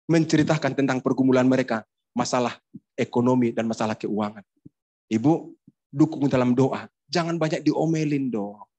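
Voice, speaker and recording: A man's voice: medium pitch, darkish tone. A man preaching a sermon as a pastor in a church, joking and acting out household dialogues between husbands and wives. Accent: Indonesian. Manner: playful, acts out household dialogues.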